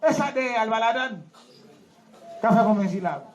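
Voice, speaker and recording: A high-voiced Haitian pastor preaches at a wedding, his pitch sitting well above most men's. He leads his congregation in call-and-response, quizzing them like a teacher and getting them to repeat lines back to him. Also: fast, highs cut off. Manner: laughing, teacherly questioning. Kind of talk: wedding sermon.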